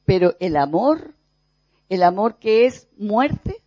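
A preacher from gives a reflective spiritual teaching, speaking thoughtfully with pauses and soft repetitions. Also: medium pitch, sing-song, no room sound. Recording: dull, dry lo-fi recording.

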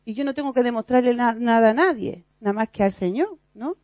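A woman's voice: on the high side, animated, brisk, darkish tone, dry recording, muffled recording. A woman giving an earnest, confessional religious teaching, acting out her own worries aloud and laughing at herself. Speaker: lay teacher in a church group.

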